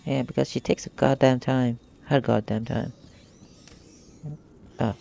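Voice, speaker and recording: A man's voice: medium pitch, level tone, a little slow, gravelly, mellow, muffled recording, faint music behind. A man giving casual let's-play commentary, grumbling and joking at the game as he goes. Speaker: gamer.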